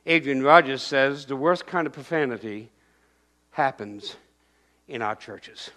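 At a measured pace and with a mid-range voice, an older man preaches in a church sanctuary. He's an animated pastor who moves about, raises his voice in bursts, points, and shouts acted-out crowd lines.

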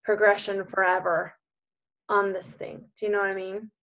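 A woman's voice: medium pitch, flat delivery, moderate pace, a bit bright. Earnest woman coaching over a dull call. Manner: earnest, emphatic, encouraging. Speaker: coach leading a group class. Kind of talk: coaching talk to an online group. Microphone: video call.

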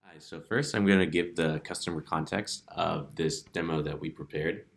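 A man presenting a data analytics dashboard demo in a relaxed way, with frequent fillers. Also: rumbling low, normal speed, creaky. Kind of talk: casual software demo walkthrough.

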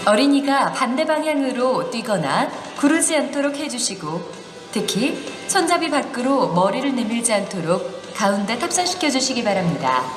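A woman reading a polite, formal safety announcement over a store intercom loudspeaker. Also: fairly high pitch, sing-song, normal speed. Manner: polite, formal, evenly read. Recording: echoey hall with music underneath.

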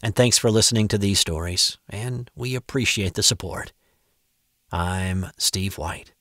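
A man hosting and narrating a submitted story in a measured, expressive read. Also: fairly low pitch, dry recording, clean studio sound. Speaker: host and narrator. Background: faint background music.

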